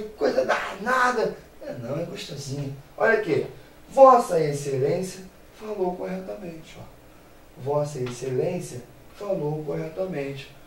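A man with a Brazilian accent teaches grammar in a playful, animated way, asking questions and answering them himself. His voice sits a bit high and sounds a little far from the mic. The room around him is echoey, with a faint hum of ambience. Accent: Brazilian Portuguese. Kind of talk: lively grammar lesson.

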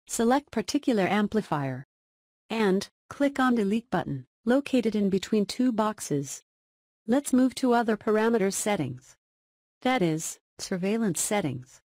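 A woman's voice: medium pitch, a little mellow, dry recording, clean studio sound. A woman giving step-by-step instructional narration in short, segmented phrases. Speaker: software tutorial narrator.

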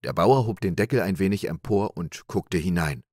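A man narrating a fairy-tale audiobook for relaxing, in a calm, measured and expressive way. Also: low voice, no echo, studio quality.

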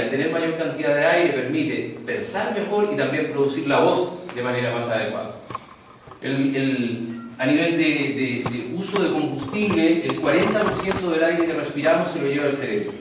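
A man's voice: very echoey, far from the mic, a little hiss or hum, poor audio. A Chilean man teaching an online course on voice projection, demonstrating voices as he lectures. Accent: Chilean Spanish. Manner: demonstrates voices, shifting pitch and tension to illustrate. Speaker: voice and speech instructor.

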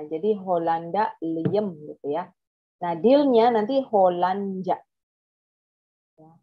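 A woman leads a language lesson at a slow, deliberate pace. She thinks out loud, double-checks words and corrects herself mid-sentence. The audio is slightly dull and lo-fi. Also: mid-range voice. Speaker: Turkish language teacher.

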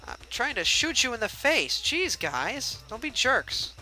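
A man's voice: extremely high pitch, sing-song, unhurried, sharp tone, rough recording. A young man giving casual, joking let's-play commentary and chatting at the game's characters. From United States. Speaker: gameplay livestreamer.

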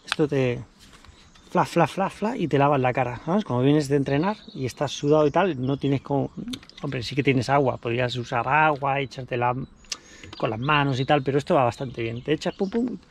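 Holding an action camera at arm's length beside his car outdoors, a man does a casual show-and-tell vlog of his kit, chatty and prone to repeating himself. He speaks at medium pitch and moderate pace, with slight background noise.

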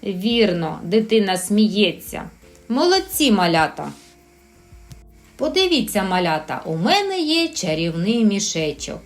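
A woman teaching a recorded lesson for preschool children, encouraging and drawing out her words. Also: medium pitch. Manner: slow, sing-song and encouraging, drawing out sounds.

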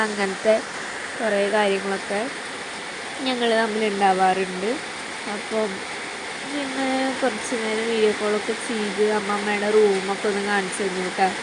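Young woman, rambling fond vlog chat, noisy home recording. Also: mid-range voice. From Kerala. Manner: rambling, fond, with many fillers. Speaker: family vlogger. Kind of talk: casual vlog narration.

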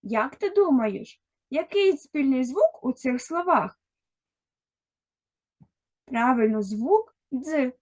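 A woman's voice: high-pitched, expressive, takes it slowly, pauses often. A woman teaching a first-grade literacy lesson, speaking patiently and directly to a young child. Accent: Ukrainian. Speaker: primary school teacher.

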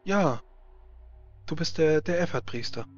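Tabletop game damsel, played by a man: pleading fairy tale princess, pitched up, slightly muffled mic. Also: expressive, unhurried. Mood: hesitant, recognizing.

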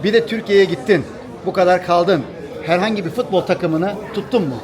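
A man's voice: high voice, moderate pace. A man hosting a casual vlog, chatting and asking coaxing questions, often repeating his phrases. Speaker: vlog host. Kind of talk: casual vlog chat and interviewing. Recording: crowd chatter behind.

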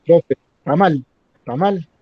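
In an unhurried, husky voice on the high side, a male teacher leads a casual lesson, cracking jokes, going over points again, and repeatedly checking whether the class is keeping up. The recording sounds dry and muffled.

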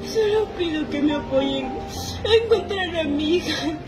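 A woman's voice: sits high, lively intonation, a little slow, low-quality recording. A woman from Peru, the mother of a missing girl, crying and pleading for help at night outdoors by a river, her voice breaking as she repeats her requests. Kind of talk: tearful on-site plea to camera. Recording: music heavily mixed under.

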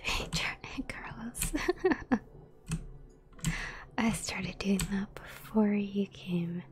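A woman's voice: mid-range voice, steady tone, drawn-out words. A woman streamer in a whispered gaming livestream, mostly whispering as she chats with viewers while playing. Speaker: ASMR streamer.

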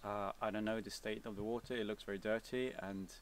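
Young man, Swedish accent, low-pitched, monotone, relaxed and hesitant, distant outdoor mic, faint hiss. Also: brisk. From Sweden. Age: young adult. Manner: relaxed, hesitant, many fillers and restarts. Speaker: vlogger. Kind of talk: casual Q&A answers. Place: outdoors, seated on a cabin bench by woods.

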